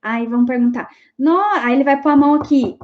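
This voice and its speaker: A high-pitched woman teaches an online class. She explains step by step and keeps checking that her listeners follow. The audio is a little dull and lo-fi. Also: brisk. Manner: explanatory, frequent checking tags like "tá bom?".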